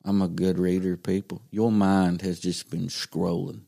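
A man's voice: low-pitched, level tone, normal speed, gravelly, warm tone. A man talking bluntly and folksily about faith in a casual chat.

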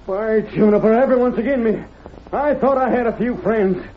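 A man's voice: high-pitched, normal speed, close to an everyday voice. A man playing a defiant, wronged, hot-tempered cowboy in an old radio western, with a belligerent rustic American Western drawl. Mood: defiant anger. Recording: dull old radio recording with crowd noise.

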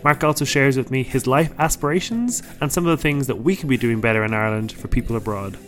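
Guy hosting a podcast interview, mid-pitched, kinda halting, faint music under it. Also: a bit bright. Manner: hesitant, restarts questions. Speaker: podcast host. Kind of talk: documentary interview.

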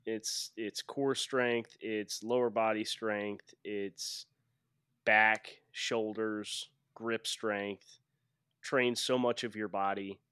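A man's voice: lowish voice, level tone, drawn-out words, sharp tone, clean tone, no echo. A man co-hosting a sports podcast in casual chat, explaining things point by point. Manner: explains in ticked-off lists. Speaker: podcast co-host.

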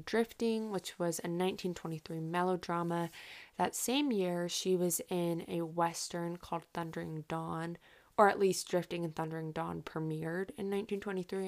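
Fairly low in pitch with a creaky quality, a woman hosts her own solo podcast. She recounts history in an informal, casual style full of rambling asides and self-interruptions.

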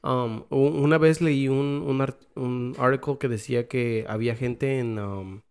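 A man with a Mexican Spanish accent chats casually in a rambling, slang-heavy flow. He drifts between Spanish and English as he talks. His voice sits at an ordinary middle pitch. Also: fairly even intonation, a little slow, darkish tone, clean tone. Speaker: father. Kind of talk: casual conversation.

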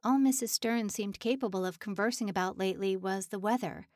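Woman audiobook narrator, even storytelling, close dry mic. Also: medium pitch, fairly quick, dry recording.

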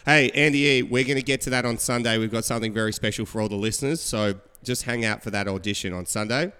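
Male podcast host, animated storyteller, smooth tone, reverberant room. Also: mid-range voice, fast talker. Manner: animated storyteller, acts out quotes. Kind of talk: casual chat.

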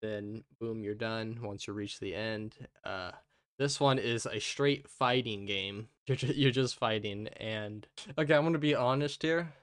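A man hosting a casual gaming podcast, talking in a rambling, halting way with his speech muffled by gauze in his mouth. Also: mid-range voice, clear, resonant tone, dry recording, clean studio sound. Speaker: podcast host.

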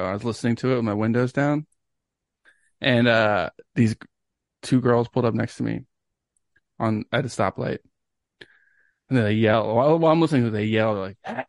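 Young guy gushing about a song on a podcast, dry close sound, mid pitch. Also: normal speed, vocal fry, pauses often, no room sound. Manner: enthusiastic, storytelling, swears casually. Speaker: podcast co-host. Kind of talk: casual chat.

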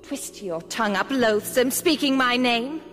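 Casting: vengeful sorceress, audio play. High, drawn-out, incantatory, scornful. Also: female voice, fairly bright tone, soft background music. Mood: cursing. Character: scornful, vengeful enchantress of the lake, Nimue. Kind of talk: poetic audio drama.

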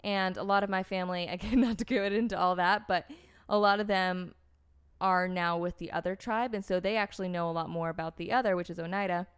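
A young American woman shares a personal story in casual conversation, her voice on the low side, clear, resonant and steady, at a fairly quick pace. She tends to ramble, saying "like" and "um" a lot and restarting sentences frequently.

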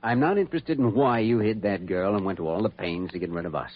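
A man's voice: on the low side, quick pace, lightly acted. An actor playing an earnest, resolute male doctor with a firm manner, in classic radio drama style. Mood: stern, pressing. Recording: muffled, noisy vintage radio recording.

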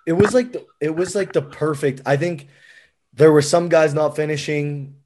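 An American man hosting a podcast in casual chat, animated and rambling with lots of fillers. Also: a little high, normal speed. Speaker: podcast host.

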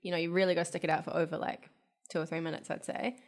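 A woman's voice: fairly low pitch, little pitch movement, rapid-fire. Giggly young New woman host. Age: 20s. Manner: giggly, loose and chatty, laughs often. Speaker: podcast host. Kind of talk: casual chat.

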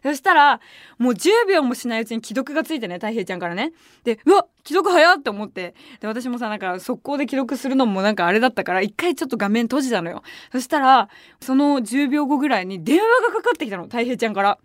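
A woman hosting a radio show, telling stories in a casual, animated and excitable way from a studio microphone. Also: a little high, quick pace, no echo. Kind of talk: casual solo radio chat.

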